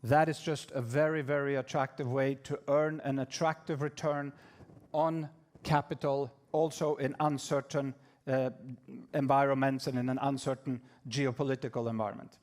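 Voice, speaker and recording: A man giving a prepared corporate presentation to investors in a conference room, measured with occasional fillers and restarts. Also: mid-range voice, flat delivery, darkish tone. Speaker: executive presenting at investor event.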